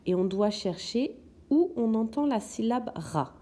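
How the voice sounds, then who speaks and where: A woman's voice: on the high side, expressive, measured pace, warm tone. A woman teaching young children in a recorded lesson, patiently sounding out words syllable by syllable. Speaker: kindergarten teacher.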